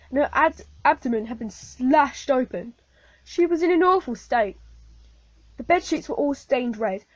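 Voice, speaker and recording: A weary, earnest hotel landlord gives his account in a careful, plain way, as a high-voiced woman plays him. The radio play recording is dull and dry, with no room sound at all. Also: no room sound. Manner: plain, careful storytelling testimony. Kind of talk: amateur radio play acting. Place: home, recorded alone.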